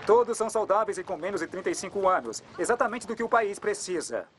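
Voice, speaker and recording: A man narrating in the brisk, emphatic manner of a 1940s newsreel announcer. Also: high-pitched, expressive, a bit bright, a little hiss or hum.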